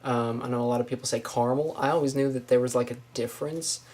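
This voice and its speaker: A woman with a Northwest Florida accent who talks casually in a vlog, hesitating often and filling pauses with "um" as she works through a word list. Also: a bass voice, steady tone, darkish tone. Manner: hesitant, many fillers, reads a word list. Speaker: vlogger.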